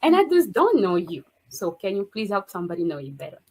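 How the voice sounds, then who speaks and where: A woman's voice: mid-range voice, very animated, fast talker, a little mellow, husky. A woman hosting a faith-based online interview, with an effusive, exclamatory and upbeat manner. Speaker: host.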